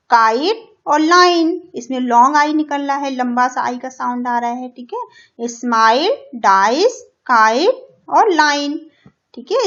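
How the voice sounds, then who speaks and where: High-voiced woman teaching young children. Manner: explains each English word in Hindi, checks with "theek hai"; reads English lines slowly and loudly. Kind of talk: classroom lesson for young children. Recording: dull lo-fi recording.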